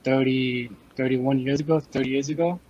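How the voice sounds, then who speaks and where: A man's voice: mid-range voice, fairly even intonation, moderate pace, darkish tone. Man from Afghanistan on a dull, lo-fi line. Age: 30s. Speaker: guest. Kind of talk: casual chat.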